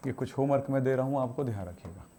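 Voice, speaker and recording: A man's voice: medium pitch, quick pace, dark tone. A man teaching a chemistry class, asking his students questions and answering them himself, strict about homework. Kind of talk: classroom lecture.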